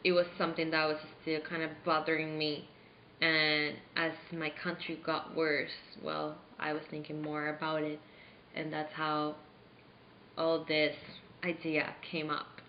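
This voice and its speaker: Young woman from Venezuela, low voice, earnest and halting, roomy slightly dull recording. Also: completely flat delivery, slight background noise. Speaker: interviewee playing a charity founder. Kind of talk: staged mock interview.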